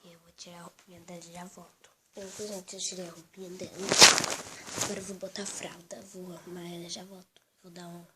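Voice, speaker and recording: A woman doing a doll role-play vlog as a mother, speaking softly and often in a whisper. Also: on the low side, level tone, quick pace, very noisy. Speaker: vlogger.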